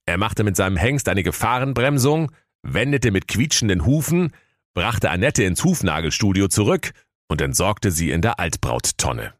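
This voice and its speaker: Animated man telling a comic fairy tale. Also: on the low side, moderate pace, no room sound, studio quality. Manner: playful, animated storytelling. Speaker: storyteller.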